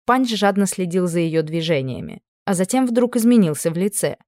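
A woman narrating a fantasy audiobook in an even, measured way. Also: lowish voice, no echo, studio quality. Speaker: audiobook reader.

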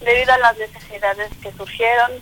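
Calling in to a casual phone interview, this Mexican small business owner, a middle-aged woman from Mexico City, chats through her story with many fillers and laughs. Her voice is on the high side, fairly bright, steady, and a little fast, heard through a low-quality telephone recording.

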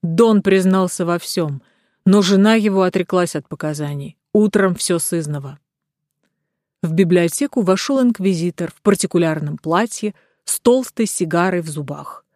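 Woman reading an audiobook, lowish voice, steady pace, dry close sound. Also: normal speed, no echo. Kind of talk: audiobook narration.

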